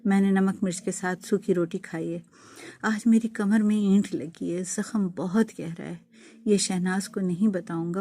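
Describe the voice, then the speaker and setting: A woman voicing a weary, gentle young village husband who speaks softly and with resignation. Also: mid-range voice, dry recording, close to an everyday voice.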